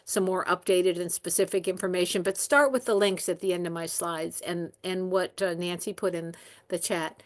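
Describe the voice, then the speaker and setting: A woman's voice: fairly low pitch, fairly even intonation, moderate pace. A woman presenting health policy in a webinar, answering questions with frequent ums and restarts. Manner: rambling, many ums and restarts.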